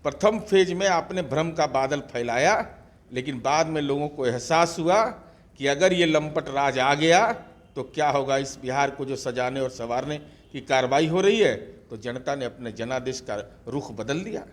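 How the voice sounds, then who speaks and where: Forceful man firing rhetorical questions. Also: mid-range voice, moderate pace. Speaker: party spokesperson. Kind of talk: combative political interview answers.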